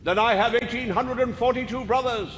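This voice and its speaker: A commanding, jovial, mocking Christmas spirit in a radio drama. The voice rings with long reverb over faint noise. It is high for a man, grand and declamatory. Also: fairly even intonation, a little fast, a bit bright. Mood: mocking, stern. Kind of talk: musical radio drama acting.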